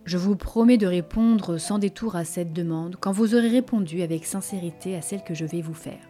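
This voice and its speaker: Woman narrator doing a serious young gentleman, earnest and gentle, a bit louder and firmer, mellow tone. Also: fairly low pitch, fairly quick, soft background music, natural voice. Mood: grave, tender. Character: grave, dignified young man, tender suitor.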